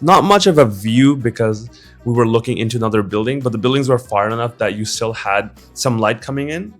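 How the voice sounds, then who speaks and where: A young man from Bangladesh, chatting casually in a voice-over about apartments he toured. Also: fairly low pitch. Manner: relaxed and chatty, casual slang. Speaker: vlogger touring apartments. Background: faint music.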